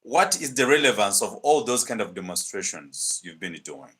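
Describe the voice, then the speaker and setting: Bright-voiced male interviewer. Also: lowish voice, very animated, moderate pace. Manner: hesitant, many fillers and restarts while asking. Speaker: interviewer, host. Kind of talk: interview, mixing English and Luganda.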